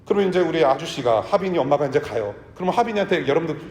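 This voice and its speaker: A man preaching a sermon to his congregation in a church, talking in a conversational way and sometimes dropping to a hush. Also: fairly high pitch, expressive, very fast. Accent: Korean with English words mixed in. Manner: conversational preaching, drops to a hush for tender lines. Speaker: pastor. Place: church sanctuary. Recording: echoey church hall.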